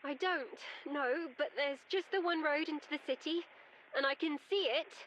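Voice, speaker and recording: A woman's voice: high-pitched, normal speed, fairly bright tone, slight background noise. A woman voicing an anxious young woman stranded on a bus trip, talking urgently over a bad phone line. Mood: worried. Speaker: voiced character in a visual novel.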